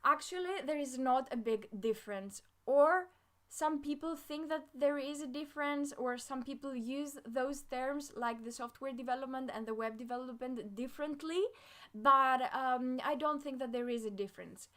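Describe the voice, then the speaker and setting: A woman's voice: high voice, moderate pace, a bit bright. A young woman from Greece hosting a casual live-stream Q&A on coding, chatting with lots of fillers and reading viewer comments aloud. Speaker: live Q&A host, front-end developer.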